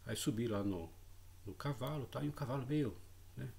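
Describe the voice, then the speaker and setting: A man's voice: mid-range voice, normal speed, gravelly, darkish tone. A man telling a personal story in a casual spoken way, hesitant, repeating words and often adding tag questions. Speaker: channel host.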